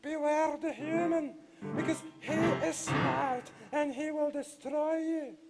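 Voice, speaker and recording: A man voicing the giant's suspicious old mother, giving shrill, insistent warnings. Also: steady tone, slow pace, vocal fry, full character voice. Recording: live stage with music.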